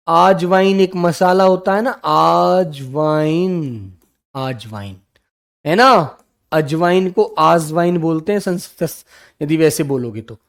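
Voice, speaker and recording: A man teaching an online spelling class, dictating words slowly and repeating each one, calling his students his children. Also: high voice. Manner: calls students "बेटा" and "मेरे बच्चों".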